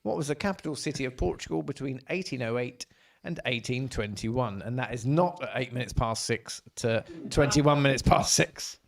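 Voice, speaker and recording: A man's voice: mid-range voice, normal speed, vocal fry, few pauses. A man hosting a casual online family quiz, joking, laughing and repeating each question. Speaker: quiz host.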